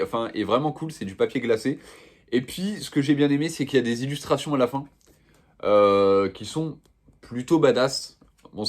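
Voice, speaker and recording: A young man showing off his manga purchases in a casual, slangy, rambling chat full of fillers. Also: medium pitch. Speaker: manga vlogger.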